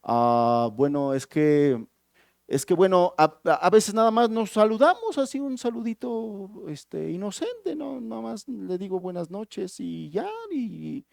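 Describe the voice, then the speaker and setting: A pastor voicing an upset, pleading young husband. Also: male voice, sits high, sing-song, a little slow, gravelly, darkish tone, dry recording, studio quality, voice pushed up, heavily acted. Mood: evasive. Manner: agitated and pleading, then evasive. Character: distressed young married man, angry at God.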